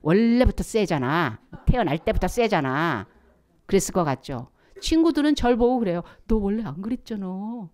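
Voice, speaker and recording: A middle-aged woman pastor giving a sermon in an animated storytelling manner. She acts out quoted voices and swings from soft asides to loud calls. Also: medium pitch, normal speed. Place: church sanctuary.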